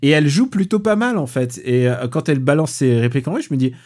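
A man chatting casually about a film on a podcast, animated, swearing often and restarting his sentences. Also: medium pitch, quick pace. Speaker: podcast co-host reviewing a film. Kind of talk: casual film review chat.

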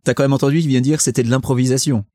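A man in a casual chat, throwing in quick jokes. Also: mid-range voice, fairly even intonation, mellow. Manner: joking, quick interjections. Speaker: podcast co-host.

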